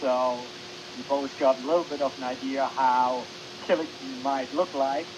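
A man's voice: mid-range voice, fairly even intonation, moderate pace. A man who is a podcast guest, explaining at length with many fillers. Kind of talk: casual podcast chat. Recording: hissy recording.

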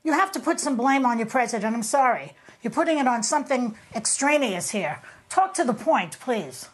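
A woman's voice: a little high, lively intonation, moderate pace, slightly rough. A woman co-hosting a TV talk show, pressing a guest in a pointed, confrontational way. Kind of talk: televised panel debate.

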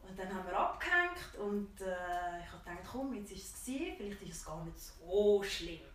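A woman's voice: mid-range voice, expressive, normal speed, slight background noise. A woman with a Swiss German accent tells a personal story in conversation, acting out quoted dialogue and laughing often. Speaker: guest. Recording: echoey room, distant mic.

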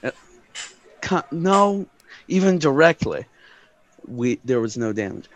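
A man's voice: medium pitch, sing-song, slow, no room sound, muffled recording. A man running a tabletop game, talking in a rambling, self-correcting way.

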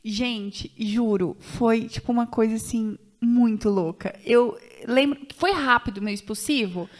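Chatty Brazilian woman, high voice. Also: measured pace. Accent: Brazilian Portuguese. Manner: animated, chatty storyteller with many fillers and restarts. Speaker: podcast guest. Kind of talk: casual chat.

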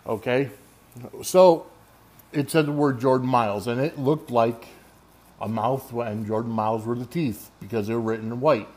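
A man's voice: medium pitch, moderate pace, a little mellow. A man giving casual solo sports commentary as a podcast host, conversational and emphatic, often checking in with listeners.

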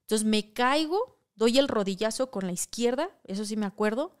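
Young Mexican woman, podcast co-host, smooth clear voice, casual crude storytelling. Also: on the high side, normal speed. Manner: animated, crude slang-heavy storytelling.

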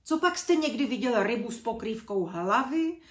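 A woman doing a brisk, bossy gardening teacher. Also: sits high, big pitch swings, pitched above the performer's own voice. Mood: urging. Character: brave, brisk female school gardening teacher. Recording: roomy echo.

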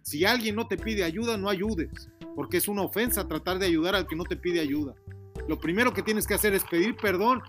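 A man's voice: high-pitched, brisk, a bit bright, soft background music. A man talking to his daughter in a casual heart-to-heart, earnest and preachy, lecturing her about humility. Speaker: father giving advice.

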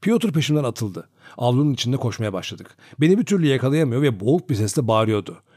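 A man's voice: medium pitch, fast, dry recording, clean studio sound. A man narrating a classic novel as an audiobook, reading expressively. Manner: expressive storytelling.

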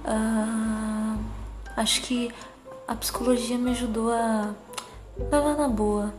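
Woman, cutesy soft voice, slightly high, unhurried, hesitant, reflective, faint music behind. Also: steady tone. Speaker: psychologist. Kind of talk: reflective personal monologue.

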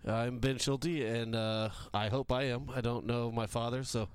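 A man's voice: mid-range voice, fairly even intonation, unhurried, clear, resonant tone, no echo. A man chatting casually as a podcast co-host, with a self-deprecating manner. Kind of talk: casual chat.

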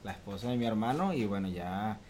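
A man's voice: on the low side, animated, brisk, a little mellow, a little hiss or hum. A young Venezuelan man talking casually as a podcast guest, chatty and laughing while he eats spicy wings. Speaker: guest photographer. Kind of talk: casual interview chat.

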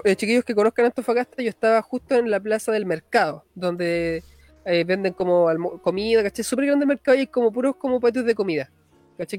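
A young man with a Chilean accent telling a story in casual chat, slangy and quick, with a tag at the end of every phrase. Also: high-pitched, a little mellow, no room sound. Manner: fast slangy storytelling, frequent "cachai" tags.

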